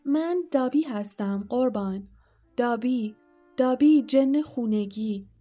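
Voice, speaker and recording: A woman voicing a small, timid male house-elf servant in an audiobook, with a high, shrill, squeaky voice and a self-abasing, groveling way of talking. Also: dark tone, soft background music, lightly acted. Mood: eager. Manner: self-abasing, calls everyone sir, talks of himself by name. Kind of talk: audiobook character voice.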